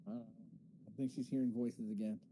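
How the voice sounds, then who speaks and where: A man playing a tabletop game, chatting casually about his moves, picked up quietly. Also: mid-range voice, steady tone, fast talker. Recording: quiet, distant, clearly noisy background.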